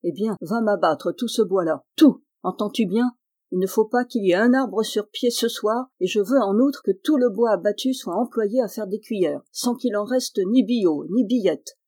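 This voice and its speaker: A woman voicing a harsh, menacing witch who scolds and commands loudly, with a slightly husky voice. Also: lowish voice, brisk, few pauses, dry recording, close to an everyday voice. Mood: scolding. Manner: loud, scolding, imperious.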